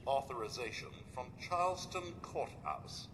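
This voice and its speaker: A man voicing a male robot clerk at a records office, making flat, clipped computer-processing announcements in a robotic computer voice. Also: medium pitch, a little slow. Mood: bureaucratic monotone. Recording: game audio with steady background noise.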